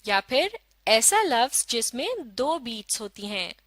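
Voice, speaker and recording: A woman teacher with a Pakistani Urdu accent, teaching a recorded lesson slowly and spelling out words letter by letter. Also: on the high side, very animated, fairly bright tone, no echo. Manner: slow, deliberate, spells out letters.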